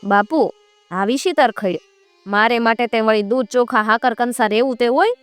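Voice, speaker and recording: Brief: woman narrator doing a flattering, emphatic bard, dry close sound, faint music. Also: fairly high pitch, normal speed, clean tone, dry recording, pitched above the performer's own voice, natural voice. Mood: pleased. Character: clever wandering bard, man, flattering and sly.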